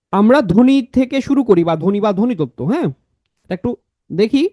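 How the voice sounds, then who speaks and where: A young man teaches an online grammar class for exam prep. His voice sits very high, and the sound is dry and close, with no room echo. He repeats key answers several times and keeps asking the class questions. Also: darkish tone.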